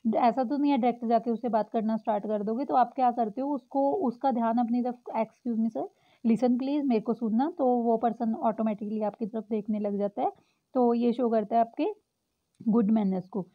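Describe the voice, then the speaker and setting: A woman teaching English to Hindi speakers, explaining patiently and reading example phrases slowly. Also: a little high, fairly even intonation. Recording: tinny phone-like sound.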